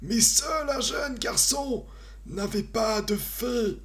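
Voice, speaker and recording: A man's voice: very high-pitched, slow pace, fairly bright tone, voice pushed up, exaggerated voice. A man voicing an ancient, solemn tree guardian of the forest from a video game, declaiming in a strained elderly voice. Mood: solemn, quavering. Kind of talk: improvised video game dubbing.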